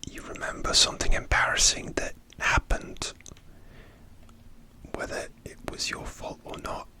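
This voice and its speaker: A person whispering a gentle ASMR pep talk, confiding and a little hesitant, close to the microphone. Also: a little slow. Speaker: ASMR video host.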